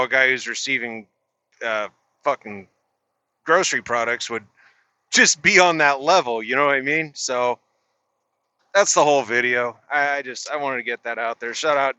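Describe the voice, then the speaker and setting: A man's voice: medium pitch, pushed and bright, dry recording. A middle-aged man, a truck driver, casually telling a story in a laid-back, profane, rambling way with restarts.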